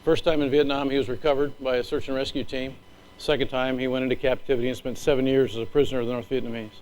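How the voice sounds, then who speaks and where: A middle-aged man, an Air Force leader, gives an earnest, emotional speech from slides with measured pauses. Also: medium pitch, level tone, darkish tone, slight background noise, poor audio.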